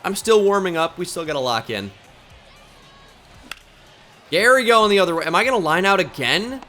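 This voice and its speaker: A young man giving live commentary on a baseball video game, quickly flipping between frustration and joking at himself. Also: high-pitched, faint music behind. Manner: excitable, swings between frustration and self-mockery. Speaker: gaming channel host.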